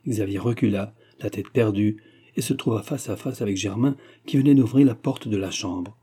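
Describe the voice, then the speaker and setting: Reading from a script, a man narrates a classic novel as an audiobook, keeping his delivery measured and even. He has a low, dark, husky voice.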